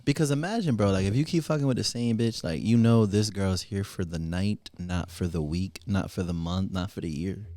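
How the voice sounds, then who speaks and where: Man, low voice, podcast co-host, blunt, crude, casual chat, dry close sound. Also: normal speed, hardly any pauses, no echo. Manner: blunt, crude, animated storytelling.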